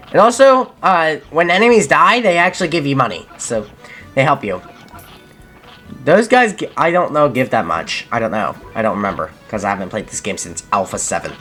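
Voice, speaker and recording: With faint game music in the background, this young male host talks through his gameplay casually, thinking out loud and fixing his words partway through sentences. His medium-pitched voice is bright and forceful.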